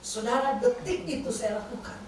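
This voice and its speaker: A woman giving a sermon testimony as a pastor's wife, telling her story in an animated way and speaking straight to the congregation. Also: a little high, normal speed. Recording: echoey hall from far off, faint noise.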